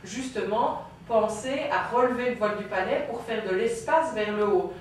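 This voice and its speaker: A woman's voice: a little high, normal speed. A woman teaching a group singing lesson, coaching directly and breaking into sung vowel demonstrations. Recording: very echoey room, distant mic, faint noise.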